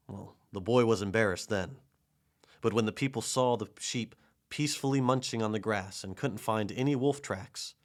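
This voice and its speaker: A man narrating a children's storybook in a gentle, measured way. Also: lowish voice. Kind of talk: storybook reading.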